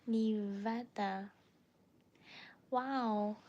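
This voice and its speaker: A young woman from Chongqing, China, a native Mandarin speaker with a Chinese accent, chats casually with viewers as a livestream host and language teacher. Her medium-pitched voice is steady and a little mellow, with drawn-out words and the highs cut off.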